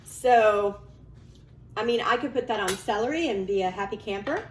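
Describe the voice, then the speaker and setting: A woman presents a casual cooking video with chatty, emphatic delivery, stretching certain phrases for weight. Her pitch sits in the middle range for a woman. The room is noticeably echoey, with faint noise behind her. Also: moderate pace. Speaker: cooking show host.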